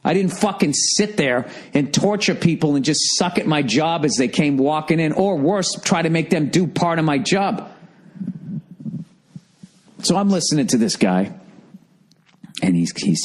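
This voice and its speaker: Alone on his podcast, a middle-aged American man delivers an exasperated, profanity-laced comedy rant. The voice is a little high and husky, a bit slow, with long pauses.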